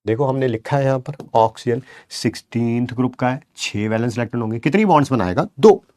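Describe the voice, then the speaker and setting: A man's voice: mid-range voice, quick pace, mellow. A man teaching chemistry in an online class, encouraging his students, counting aloud and answering his own questions as if he were a student, with English words mixed in. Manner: counts aloud while pointing at the board.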